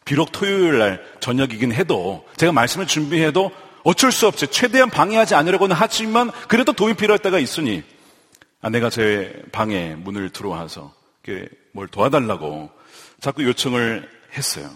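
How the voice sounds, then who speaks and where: A man's voice: medium pitch, very animated, brisk, fairly bright tone, breathy edge. A man in his forties preaching a sermon as pastor, emphatic, repeating key lines and asking the congregation questions. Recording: long hall reverb.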